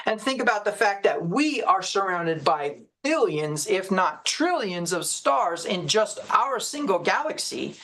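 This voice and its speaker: Woman preacher-teacher, mid pitch, unhurried pace, repeats herself for emphasis. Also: rough recording. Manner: deliberate, repeats key phrases, checks in with "okay?" and "right?". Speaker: teacher at a ministry service. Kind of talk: sermon teaching. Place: church service.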